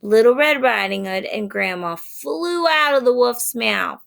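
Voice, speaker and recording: A woman reading a children's story aloud in a gentle way, pausing to explain words for young listeners. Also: a little high, animated, creaky.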